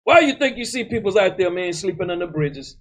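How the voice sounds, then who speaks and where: A man's voice: high-pitched, lively intonation, a little fast, fairly bright tone. A man preaching a loose, emphatic sermon, often repeating words and adding "man". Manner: repeats words while building a point. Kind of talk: street-style sermon.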